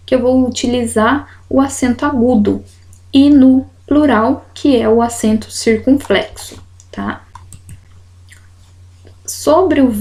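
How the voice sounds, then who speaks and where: This is a woman teaching a grammar lesson in Brazilian Portuguese, with a voice a little higher than most women's. She reads example sentences aloud and walks through each rule step by step. She keeps checking in with her students along the way. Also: dark tone. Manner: explains slowly, reading example sentences aloud.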